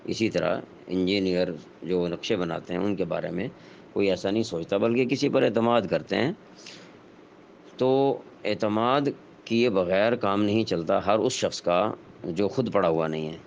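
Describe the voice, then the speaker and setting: A man giving a religious lesson, explaining step by step in a measured way, pausing often with fillers. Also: deep voice, creaky, darkish tone. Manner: measured explanatory delivery with frequent hesitation fillers. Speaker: Islamic teacher. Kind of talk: religious lecture. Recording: dull lo-fi sound with faint noise.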